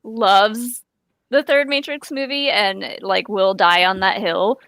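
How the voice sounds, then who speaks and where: Slow, hesitant woman in dry sound. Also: medium pitch, steady tone, fairly bright tone, smooth, dry recording. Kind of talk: casual chat.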